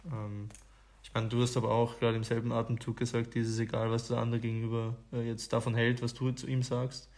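A man co-hosting a casual podcast. His voice is gravelly and stays flat in pitch. He talks in a calm, measured way and mostly agrees with his partner. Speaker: podcast co-host.

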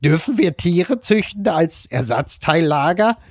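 A man reading a newspaper column aloud in a put-on voice of a dopey cartoon dad, slow and mock-solemn. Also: on the high side, sing-song, dry recording, studio quality. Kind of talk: comic read-aloud in a put-on voice.

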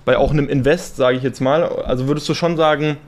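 A man's voice: mid-range voice, steady tone, fast talker. A man hosting a podcast, asking long, rambling follow-up questions in a casual tone. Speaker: podcast host. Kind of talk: casual interview talk.

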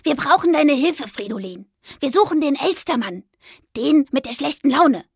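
A woman voicing a shy, gentle little mouse in a children's story, with a high, squeaky, timid voice. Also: animated, normal speed, no room sound, clean studio sound. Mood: gentle, eager.

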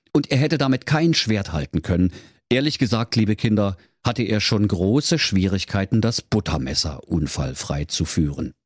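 A man's voice: lowish voice, darkish tone, no room sound, studio quality. A man narrating a comic fairy tale for children in a playful storyteller's lilt.

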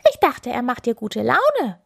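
A woman doing a cheeky high little hare. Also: huge pitch swings, measured pace, vocal fry, exaggerated voice. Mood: cheerful. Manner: bright, chirpy.

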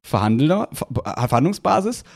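A man hosting a podcast in casual chat, telling a story with lively acted-out dialogue. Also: on the high side, moderate pace, gravelly. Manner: animated anecdote telling, acting out quoted dialogue. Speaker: podcast host.

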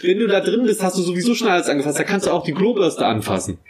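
A man's voice: sing-song, racing, crowd noise. A man in his twenties co-hosting a casual podcast, telling a rambling story and acting out the people in it. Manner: rambling storyteller, acts out quotes in a higher voice; frequent restarts and self-corrections. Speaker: podcast co-host. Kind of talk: casual chat.

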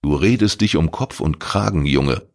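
A man doing a calm, firm detective. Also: a bass voice, moderate pace. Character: adult male private detective, calm and firm. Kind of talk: audio crime story reading.

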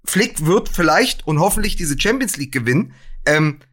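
Bright, high-voiced opinionated German man. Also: moderate pace. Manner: animated, opinionated, acts out coaches' voices. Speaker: podcast co-host. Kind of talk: casual football chat.

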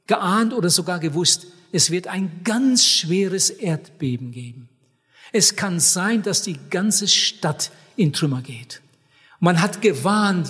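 Husky guy giving an earnest sermon, lots of hall echo. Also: high-pitched, fairly bright tone. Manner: earnest, emphatic, addresses listeners as dear ones. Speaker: preacher. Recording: long hall reverb.

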